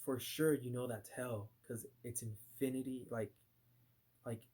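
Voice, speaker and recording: A man's voice: medium pitch, fairly even intonation, measured pace, a little mellow, breathy edge. A man telling a personal story in a casual, rambling way, full of fillers and restarts, sometimes acting out his past reactions. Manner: voices his own past reactions in bursts. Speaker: vlogger recounting a nightmare.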